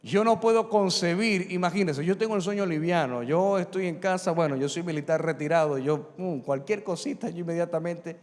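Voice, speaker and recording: A man's voice: on the high side, fairly quick, hardly any pauses. A middle-aged man preaching a sermon as pastor, acting out Bible dialogue in changed voices and calling on the congregation to repeat after him. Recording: long reverb of a large hall.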